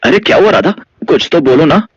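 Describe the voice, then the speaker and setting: A man doing a spoiled boy who mocks a poor girl with glee. His voice is raised high and bounces up and down a lot. The recording is dull and lo-fi. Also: animated, brisk, husky, no echo. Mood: taunting. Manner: taunting, gleeful. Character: mocking rich boy teasing a poor girl. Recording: dull lo-fi audio.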